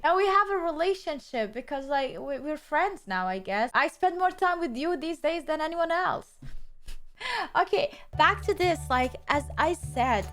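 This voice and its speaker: A woman's voice: high-pitched, fairly bright tone. A young woman from Bosnia, hosting a reaction video in an emphatic, chatty, rambling way. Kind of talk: casual reaction commentary.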